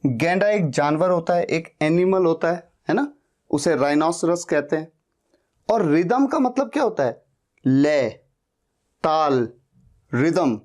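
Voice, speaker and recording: A man's voice: on the high side, lively intonation, slow, long pauses, darkish tone. A man teaching an English pronunciation lesson, patiently spelling out words and repeating them. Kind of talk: slow spoken-English lesson.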